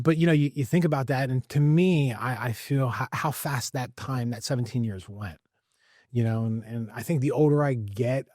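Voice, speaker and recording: A man's voice: mid-range voice, darkish tone, dry recording, clean studio sound. A man in his forties with a Central Pennsylvania accent, a guest coach reflecting in a podcast interview, with many fillers and repeated words. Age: 40s. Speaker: guest, wrestling coach and teacher. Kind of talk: conversational interview.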